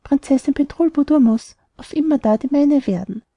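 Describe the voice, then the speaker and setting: A woman's voice: high voice, moderate pace, dark tone, no echo. A woman voicing a lovesick, stubborn young man in an audiobook, delivering rhymed verse earnestly. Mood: pleading.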